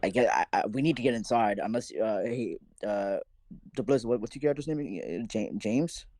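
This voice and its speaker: A man takes part in a tabletop game as a player. His voice is slightly low and mellow, recorded close and dry. He talks casually and pitches plans eagerly. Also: lively intonation, dry recording. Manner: eager, quick to propose plans.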